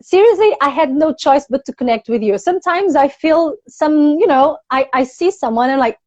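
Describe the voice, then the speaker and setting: High-voiced woman from portugal, healing coach on a live call, laughs a lot, kinda muffled audio. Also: animated, normal speed, a little mellow, dry recording. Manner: bubbly, laughs often. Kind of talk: casual live-stream chat. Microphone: video call.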